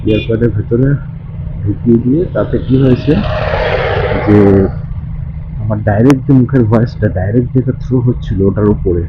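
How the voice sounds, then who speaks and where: A man with a deep voice talking softly at normal volume while riding a motorbike, recorded through a helmet mic. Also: fairly even intonation, fairly quick, pauses often. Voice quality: deep bass-heavy voice. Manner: speaks softly at normal volume, never shouts. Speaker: moto vlogger. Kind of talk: casual vlog talk while riding. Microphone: helmet-mounted mic inside ear pad. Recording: muffled helmet mic with faint road noise.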